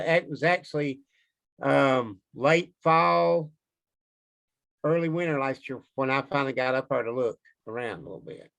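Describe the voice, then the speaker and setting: A man's voice: medium pitch, gravelly, a bit bright, poor audio. A man with an Eastern Kentucky accent recounting things casually as an interview guest, in a plain-spoken, folksy way. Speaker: interview guest, Bigfoot researcher.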